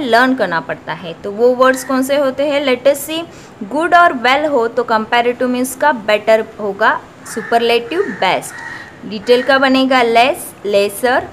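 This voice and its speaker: A woman teaching English grammar in a classroom style. She reads each rule out slowly, then explains it at length and keeps repeating "okay, remember.". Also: high-pitched, a little hiss or hum. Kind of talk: classroom grammar lesson, mixing Hindi and English.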